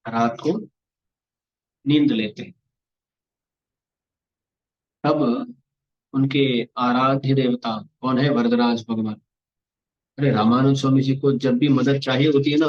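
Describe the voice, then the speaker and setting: A man telling a devotional story of a saint in a lively discourse, acting out the dialogue. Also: medium pitch. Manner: animated, acts out dialogue of saints and God. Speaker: religious storyteller. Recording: muffled lo-fi recording.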